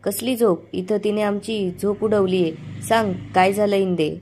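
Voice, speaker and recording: An impatient young man from a TV serial presses a girl to explain herself, as a woman narrator reads him. His delivery is coaxing but even, with a soft, dark tone. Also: mid-range voice, moderate pace, a little hiss or hum, close to an everyday voice.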